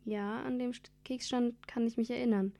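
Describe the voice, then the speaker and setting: A woman's voice: a little high, steady tone, creaky, mellow. A woman doing a skeptical stage actress. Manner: skeptical, brisk.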